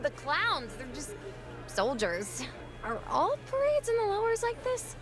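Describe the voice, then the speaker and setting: A woman's voice: very high-pitched, measured pace, over music, full character voice. A woman playing a wide-eyed, sheltered, curious girl in a video game, with a bubbly, innocent manner. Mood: excited, curious. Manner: bubbly, naive, expressive.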